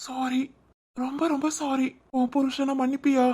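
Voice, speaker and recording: A sorry young cartoon husband, tirunelveli accent, high voice, begging forgiveness. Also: flat delivery, moderate pace, dark tone, husky. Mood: remorseful. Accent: Tirunelveli Tamil. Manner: apologetic, pleading. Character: young husband, remorseful and affectionate. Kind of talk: animated family drama dialogue.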